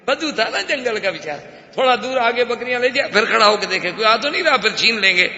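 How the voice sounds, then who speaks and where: A man preacher tells a story in a sermon, animated and slipping into each character. His voice is high and very bright. The recording is roomy and dull, with a long hall echo. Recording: echoey hall, dull lo-fi sound.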